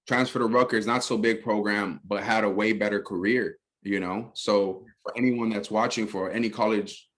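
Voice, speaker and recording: A man's voice: on the low side, fairly even intonation, normal speed, few pauses, a bit bright. A man from El Salvador hosting a casual interview, laid-back and slangy, often saying bro. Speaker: host.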